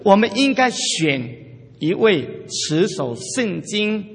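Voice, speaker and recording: A man preaching a sermon into a pulpit microphone in a large church hall, speaking in short phrases and pausing so an interpreter can follow. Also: high voice, big pitch swings, vocal fry, husky. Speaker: pastor preaching. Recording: long hall reverb.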